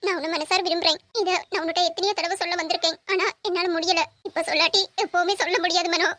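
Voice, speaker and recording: A woman doing a high bright pleading cartoon bride. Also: little pitch movement, fast. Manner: pleading, emotional. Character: young bride, tearful, pleading, lovesick. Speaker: voice actor in a cartoon drama. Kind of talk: cartoon drama dialogue.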